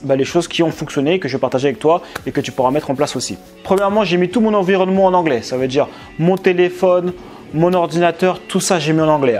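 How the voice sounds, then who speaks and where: A man's voice: a little high, darkish tone. A man giving casual advice straight to the viewer in an informal, chatty way. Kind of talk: casual direct-to-camera advice.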